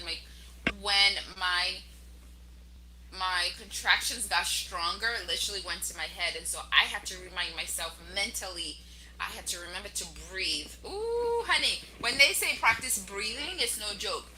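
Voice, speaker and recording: A young adult woman hosting a podcast, telling her own story and giving advice in a chatty, animated way that speaks straight to listeners. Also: medium pitch, normal speed, low-quality recording. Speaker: podcast host.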